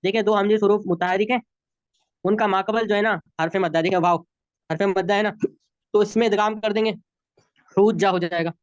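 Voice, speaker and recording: A man's voice: high voice, steady tone, fairly quick, pauses often, clear, resonant tone, no echo, lo-fi sound. A man from Pakistan with an Urdu accent, teaching an online class and patiently repeating rules while checking that students follow. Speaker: Arabic grammar teacher. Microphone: video call.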